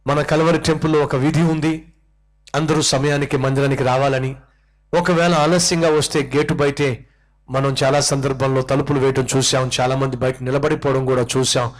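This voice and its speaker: Animated male pastor preaching. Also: mid-range voice, normal speed. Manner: animated, questions the congregation directly. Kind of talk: sermon with storytelling. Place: church, preaching to a congregation.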